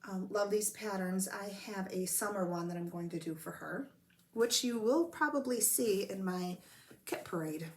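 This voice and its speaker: A woman's voice: medium pitch, moderate pace, a little mellow, a little hiss or hum. Woman chatting at home about her stitching, rambly, has a cold. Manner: chatty, rambling, self-deprecating. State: coughing from a cold. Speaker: flosstube host. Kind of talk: casual show-and-tell chat. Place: home room with blanketed windows.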